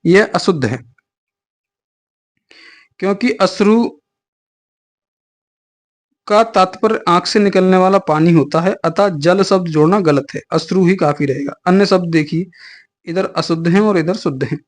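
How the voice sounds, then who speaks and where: A man with a fairly high voice teaching an online exam class. He explains patiently and casually, with many small fillers and friendly asides to his students. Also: a little slow, pauses often.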